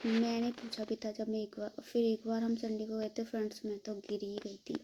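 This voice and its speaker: A woman's voice: fairly high pitch, completely flat delivery, normal speed, background noise. A woman from northern India telling a rambling story to her viewers in a casual vlog, often calling them friends. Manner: chatty, rambling, keeps saying "friends" to viewers. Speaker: vlogger.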